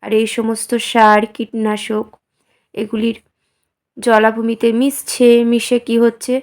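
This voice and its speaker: A woman teacher with a slightly high voice talks through a lesson at a slow, careful pace. She is feeling a little unwell, and she keeps asking the class questions and then answering them herself. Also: flat delivery. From West Bengal, India. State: feeling unwell, speaking slowly. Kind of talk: slow, simple classroom explanation.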